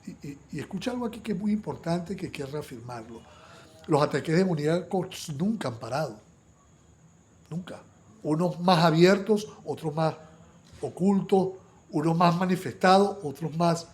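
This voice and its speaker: A male preacher with a fairly high voice delivers a fervent Bible study sermon. He stumbles into repeated words and restarts, then rises into loud, urgent stretches before dropping back to quiet, intimate asides. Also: expressive, moderate pace, a little hiss or hum. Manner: fervent, many restarts and repetitions, swings between loud bursts and quiet asides.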